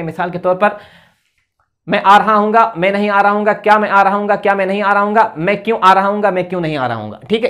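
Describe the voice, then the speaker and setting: A woman teaching English grammar at a board, explaining patiently step by step, checking in after each point and spelling words letter by letter. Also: mid-range voice. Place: indoor classroom with a board.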